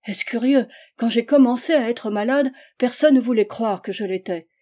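A woman voicing a nervous husband just released from an asylum, speaking in jerky, agitated bursts that climb to loud cries. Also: a little high, normal speed, close to an everyday voice.

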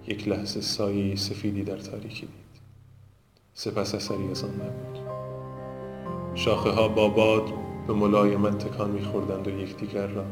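A man narrating a scripted fantasy audiobook in a measured, dramatic way. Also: on the low side. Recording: roomy with background music.

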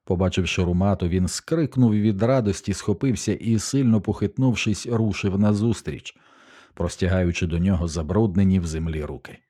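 A man reads an audiobook in a measured, steady storytelling style. His voice is very low and dark, with a mellow tone. The pacing stays even throughout the narration. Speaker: audiobook reader.

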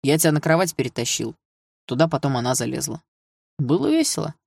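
A man's voice: on the high side, very animated, brisk, vocal fry, husky, no room sound, heavily acted. A guilty, jittery young guy in an audiobook, voiced by a male reader. He rambles in slang and pleads his case, his voice a touch raised and pushed. The sound is close and dry. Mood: pleading. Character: nervous young man, guilty, whining excuses.

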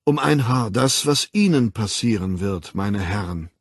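A composed male ruler speaks in measured, ironic lecturing phrases, played by an audiobook reader. The voice is gravelly and a bit husky, with lively melody and a dry, close sound. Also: on the low side, no room sound, full character voice. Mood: calm superior. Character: calm worldly male ruler, dry and superior.

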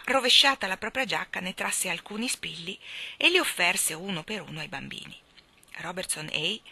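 A woman from Italy reading a children's storybook aloud, in an expressive, lively narration. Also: on the low side. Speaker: audiobook reader.

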